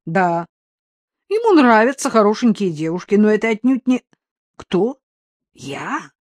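A woman's voice: mid-range voice, sing-song, a little slow, dry recording. Woman reading a tired, fibbing young man. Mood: defensive. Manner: mumbling, sheepish excuses. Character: weary, fibbing young man, dog's owner. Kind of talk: audiobook character reading.

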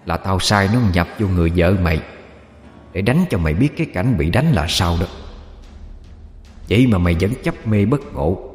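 A man's voice: low voice, a little mellow, reverberant, in a large hall. A man voicing the stern ghost of an elderly mother who scolds her grown son. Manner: scolding, commanding.

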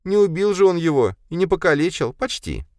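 Soothing young woman, as a male narrator puts her on, raised high above his deep voice, wry and reasoning, read in a dry, close storybook recording. She pleads and placates in even tones. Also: fairly quick, dry recording. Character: female companion, calm and placating.

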